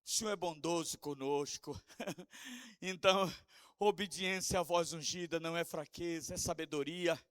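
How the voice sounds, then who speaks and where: A man preaching a sermon with a Brazilian Portuguese accent, moving between quiet asides and shouted, sing-song emphasis and calling out questions for the congregation to answer. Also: fairly high pitch, fairly even intonation, normal speed, no echo. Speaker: apostle preaching.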